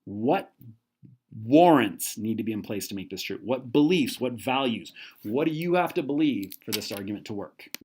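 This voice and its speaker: A man's voice: mid-range voice, expressive, normal speed, darkish tone, breathy edge. A man giving a recorded lesson, explaining an idea step by step and jumping into quoted voices with self-correcting asides. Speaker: teacher. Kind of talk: recorded lecture.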